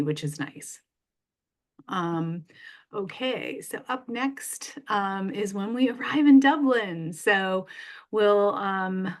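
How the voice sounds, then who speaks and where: A woman explains trip plans in a relaxed information session, speaking at a middling pitch. Her tone is friendly and conversational. She pauses often on "um" and restarts her sentences. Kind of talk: casual explanatory presentation.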